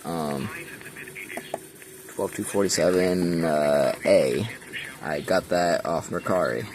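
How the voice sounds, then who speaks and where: Filming handheld from his own point of view, a young man shows off the radios in his bedroom, rambling and saying um a lot. He talks slowly in a low-pitched voice over some background noise.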